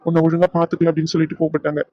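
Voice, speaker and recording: A man voicing a gentle, apologetic young husband in a cartoon, soothing and remorseful. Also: a little high, completely flat delivery, racing, no echo, muffled recording, close to an everyday voice. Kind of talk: cartoon voice acting.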